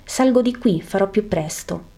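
A woman's voice: medium pitch, lively intonation, unhurried, vocal fry, warm tone, slightly rough, exaggerated voice. A woman reading the lines of an eager male shepherd, speaking with urgency in a scripted religious narrative. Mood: eager, urgent.

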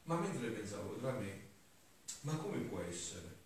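A man, a friar, preaching a homily in speech, moving between soft, musing asides and raised, emphatic declarations. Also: lowish voice, sing-song, unhurried. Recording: distant echoey church recording with hiss.

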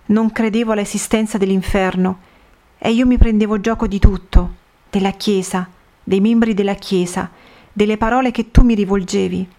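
A woman's voice: medium pitch, darkish tone, close to an everyday voice. A woman reading as a tormented damned soul. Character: young damned female soul, bitter and tormented. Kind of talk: scripted narration of a religious vision.

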